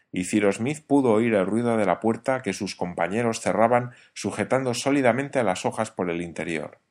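A man narrating a novel as an audiobook, in a measured storytelling reading. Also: on the low side.

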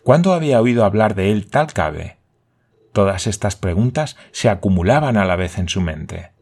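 A man reading a novel aloud as a narrator, in a steady, measured way. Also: on the low side, breathy edge. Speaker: audiobook narrator. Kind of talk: scripted narration.

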